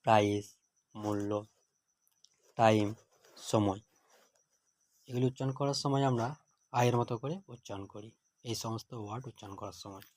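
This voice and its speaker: A man teaching a grammar lesson, reading out words one at a time with their meanings in a measured, dictating way. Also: on the low side, a little mellow, dry recording. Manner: measured, word-by-word dictation with translations.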